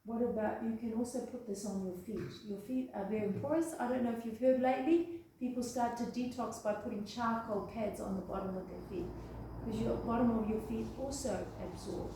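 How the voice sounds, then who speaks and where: Picked up from a distance in an echoey room by a far microphone, a health presenter from Australia walks through a hands-on demonstration. Her voice is on the high side and mellow, her pace brisk, and she chats along with frequent "okay?" and "eh?" check-ins over slight background noise.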